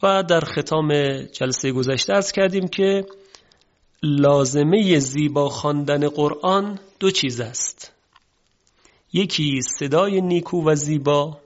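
A man whose first language is Persian teaches Quran recitation in a measured way, demonstrating Arabic vowel sounds. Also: fairly high pitch. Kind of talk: spoken lesson on Quranic pronunciation. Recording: dull lo-fi recording.

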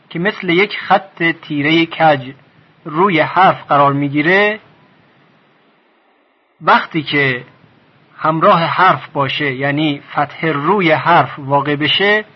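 Man, teacher, measured and slow, drills sounds aloud, muffled radio-like audio. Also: a little high, breathy edge. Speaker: Arabic reading teacher. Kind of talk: recorded language lesson.

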